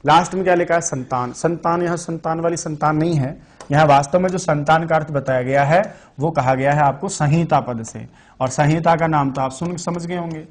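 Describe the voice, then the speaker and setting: In an online exam-prep class on Sanskrit grammar, a man talks a little fast in a fairly high voice. He answers the questions he asks and drives home the key terms by repeating them.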